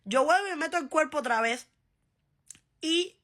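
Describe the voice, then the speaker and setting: A Cuban woman vlogger telling a funny personal story in a lively, animated way, laughing and acting out voices. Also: sits high, normal speed. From Cuba. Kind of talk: casual storytime.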